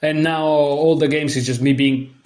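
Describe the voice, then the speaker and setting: A man's voice: on the high side, fairly even intonation, normal speed, a little mellow. A man talking casually to his viewers about his chess tournament, chatty and self-deprecating, sounding worn out. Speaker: chess vlogger. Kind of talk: casual vlog commentary.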